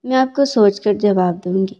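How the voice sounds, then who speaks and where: A woman's voice: medium pitch, mellow, lightly acted. A woman voicing a hesitant, cautious young woman in a storybook reading. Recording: dull lo-fi with long reverb.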